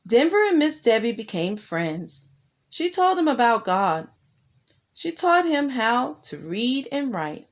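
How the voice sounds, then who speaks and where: This children's story is read slowly by a female storyteller whose fairly high-pitched voice and expressive style are made to capture young listeners.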